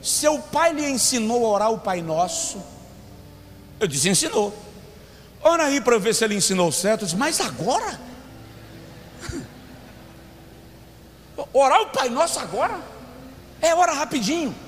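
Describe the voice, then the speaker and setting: A pastor preaching a dramatic sermon, slowing down and shouting for emphasis. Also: male voice, very high-pitched, very animated, slight background noise. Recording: long church reverb with faint music.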